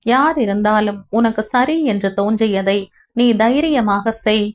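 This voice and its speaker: Woman voicing an earnest young husband, gentle and remorseful, audio novel reading. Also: mid-range voice, measured pace, close to an everyday voice.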